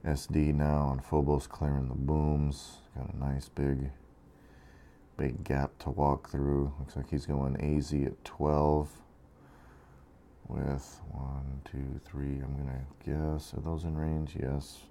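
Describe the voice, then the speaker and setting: In a mellow, monotone voice of extremely low pitch, a gameplay commentator talks slowly over a strategy game. He's exhausted after staying up 23 hours, so his commentary is easygoing, meandering, and packed with fillers.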